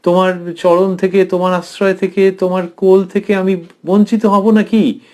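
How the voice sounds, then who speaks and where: This man, a professor, speaks in a high-pitched, flat voice as he delivers a reflective, tender devotional lecture commentary. He stops to think, adds soft fillers, and eases his pace to savor certain phrases.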